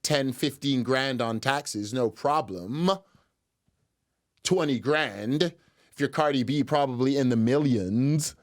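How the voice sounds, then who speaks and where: A man's voice: mid-range voice, slow. Rambling, sarcastic male video commentator. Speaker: commentary host. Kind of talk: casual video reaction commentary.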